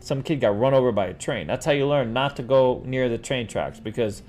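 Soft music plays behind a middle-aged New Yorker whose mid-range voice runs fairly quick. Hosting an easygoing livestream, he answers viewer questions, rambles animatedly through stories, and leans heavily on "dude" for everyone.

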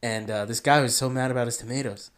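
A young man co-hosts a podcast in a relaxed, chatty way. He tells stories with energy and acts out the people he quotes. His pitch sits in an ordinary middle range. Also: quick pace. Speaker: podcast co-host. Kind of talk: casual storytelling chat.

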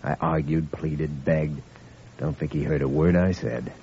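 An actor playing an earnest, caring doctor in an old radio drama, with a persuasive manner. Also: male voice, very deep voice, fairly even intonation, a little slow, dark tone. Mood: troubled. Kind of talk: 1940s-50s radio drama acting. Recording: dull, noisy old radio recording.

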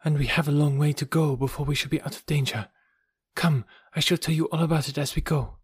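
A man voicing a brave young woman, a desert chieftain's daughter, speaking in a hushed, proud and earnest way. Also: on the high side, steady tone, fairly quick, slightly rough, dry recording, clean studio sound, pitched above the performer's own voice.

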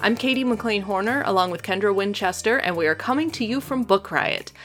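A woman's voice: mid-range voice, a little fast, fairly bright tone, soft background music. A woman hosting a podcast in a casual, conversational way, telling stories with animation. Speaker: podcast host.

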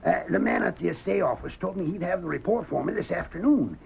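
An actor playing a weather-beaten old prospector who is eager and stubborn, with a folksy frontier drawl and 1930s radio acting on a muffled old recording. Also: male voice, sits high, lively intonation, fast, gravelly, husky, heavily acted. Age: older.

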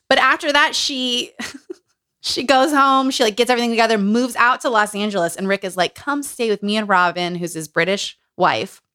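A woman hosting a podcast, recapping a memoir in lively casual chat, laughing, swearing and acting out quotes. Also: fairly high pitch, dry recording, clean studio sound. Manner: animated, laughing, swearing, quotes with dramatic flair. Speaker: podcast host.

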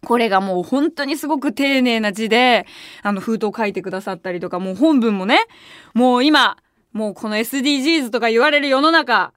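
Woman radio host, quick and high-pitched, animated excitable chatter, dry studio mic. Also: clear, resonant tone, dry recording. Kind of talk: casual solo radio chat. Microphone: studio microphone.

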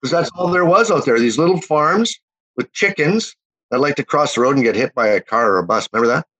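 A man's voice: medium pitch, animated, a little fast, a bit bright, husky, no room sound, low-quality recording. A Canadian man in his fifties, a guest telling long rambling stories with lots of fillers and restarts. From Winnipeg, Manitoba, Canada. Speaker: interview guest. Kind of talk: casual chat, reminiscing.

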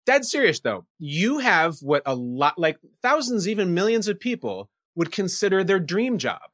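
High, lively, energetic quiz host man. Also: moderate pace. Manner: energetic, playful. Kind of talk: game show interview.

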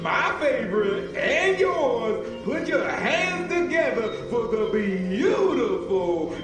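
High, echoing strip club announcer. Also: male voice, very animated, exaggerated voice. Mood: showy, hyped. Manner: drawn-out, grandiose showman delivery. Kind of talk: stage announcing. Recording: very echoey club PA, loud music.

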